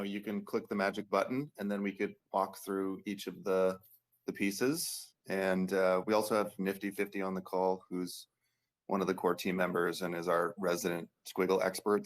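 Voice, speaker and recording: Low-voiced guy hosting a live audio chat, easygoing and upbeat, says "you know" a lot. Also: normal speed. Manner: relaxed and upbeat, with fillers. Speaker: community host. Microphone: computer or phone on a live audio call.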